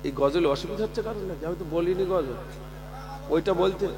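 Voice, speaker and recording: A man's voice: sits high, brisk. A man preaching a fiery sermon at a religious gathering, rising into sing-song chanting and calling out to the crowd. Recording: long reverb with faint mains hum.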